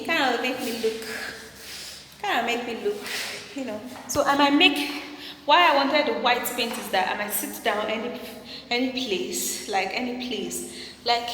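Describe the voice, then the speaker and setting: A Nigerian woman vlogger talks in a bright, forceful, fairly high voice. She is chatty and effusive, often doubling up words to stress them. The phone recording rings with the echo of an empty room. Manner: effusive, repeats phrases for emphasis. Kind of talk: casual vlog chat to camera. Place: empty apartment room indoors. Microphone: phone at arm's length. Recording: echoey empty room with background noise.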